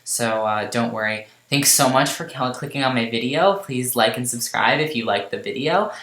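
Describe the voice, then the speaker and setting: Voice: medium pitch, normal speed, a bit bright. Rambling teen vlogger in a roomy echo. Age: late teens. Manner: rambling, filler-heavy, self-deprecating. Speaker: game vlogger. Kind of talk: casual rambling chat over gameplay.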